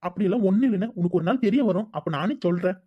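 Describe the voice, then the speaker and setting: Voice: mid-range voice, very fast, slightly rough, close to an everyday voice. A voice actor playing a moody, lovesick young man in a cartoon, speaking in a sullen, snapping manner. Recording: dull lo-fi recording.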